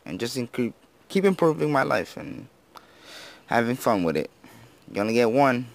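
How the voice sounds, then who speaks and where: A man's voice: medium pitch, big pitch swings, normal speed, creaky. A teenage boy chatting casually over his gameplay, rambling and self-deprecating, who admits he slurs his words and has just woken up. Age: teens. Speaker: gaming YouTuber.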